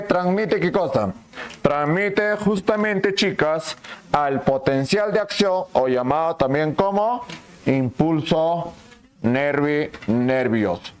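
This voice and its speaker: Lively man teaching anatomy. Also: a little high, clean tone. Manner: asks and answers his own questions, plays the students' lines too. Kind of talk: lively classroom lecture.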